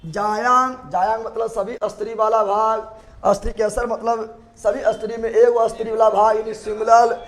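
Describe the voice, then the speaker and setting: A man's voice: high voice, little pitch movement, normal speed. A man teaching a classroom biology lesson, firing questions at the class and repeating each term over and over. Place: classroom with students.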